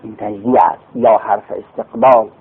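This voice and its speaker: A man's voice: on the low side, flat delivery, slight background noise. A man giving a step-by-step Arabic grammar lesson in Persian, asking questions and answering them himself. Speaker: teacher. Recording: muffled phone-like recording.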